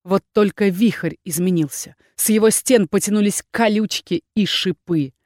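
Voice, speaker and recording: A woman narrating a first-person fantasy audiobook with an expressive storytelling delivery. Her voice sits at a middle pitch. The recording is close and dry, with no room sound. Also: moderate pace, no echo.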